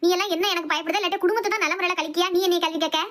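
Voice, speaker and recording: A woman's voice: fairly even intonation, racing, a bit bright. A woman voicing a scolding, self-pitying older mother-in-law in a cartoon, with a Thoothukudi Tamil accent and a wailing, nagging way of talking. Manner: shrill nagging, wailing complaints. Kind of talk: cartoon voice acting.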